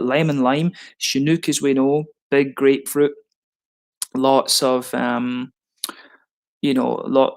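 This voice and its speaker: A man giving casual unboxing commentary as a beer reviewer, chatty and rambling with frequent ums. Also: a little high.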